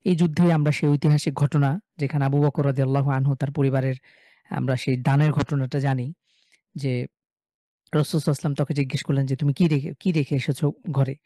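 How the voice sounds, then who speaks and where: A man from Bangladesh teaching a live online class on reading the Quran. He explains in a relaxed way with many fillers and chants example syllables slowly. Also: mid-range voice, dry recording.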